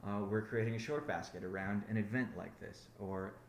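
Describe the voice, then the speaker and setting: Speaking fairly quickly in a fairly low, mostly even voice, this founder rambles through a business update on a conference call. He corrects himself often and restarts his sentences again and again. There's reverb on the line and a little background noise.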